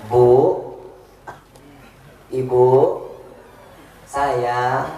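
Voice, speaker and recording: A man's voice: mid-range voice, a little hiss or hum. A man preaching a humorous sermon at a large religious gathering, joking and often putting questions to the crowd. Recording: echoey hall, voice from far off.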